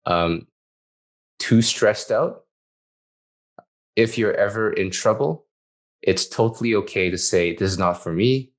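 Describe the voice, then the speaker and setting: A man from Malaysia hosting a casual podcast interview, hesitant, with restarts and fillers. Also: on the low side. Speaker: podcast host.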